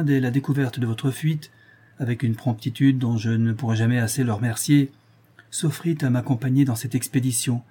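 A man's voice: mid-range voice, dark tone, breathy edge, lightly acted. A man reading the part of a stern, pompous old nobleman ordering his daughter home, coaxing and commanding by turns.

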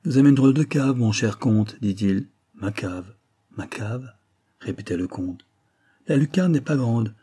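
Un homme qui joue un inspecteur de police calme, ironique et raffiné, dans un livre audio lu. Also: male voice, mid-range voice, moderate pace, slightly rough, no room sound, clean studio sound. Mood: narquois. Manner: calm, ironic, gentlemanly.

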